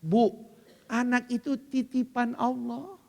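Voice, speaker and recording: A male preacher delivering a sermon with dramatic storytelling, impassioned and swelling to shouts. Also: extremely high pitch, steady tone, takes it slowly, vocal fry. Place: women's study gathering hall. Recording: long hall reverb.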